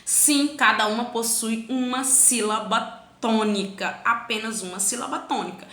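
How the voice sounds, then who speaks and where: A woman teaching a children's grammar lesson, stretching syllables slowly to show stress and asking herself the pupils' questions. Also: on the high side, fairly even intonation, sharp tone, echoey room.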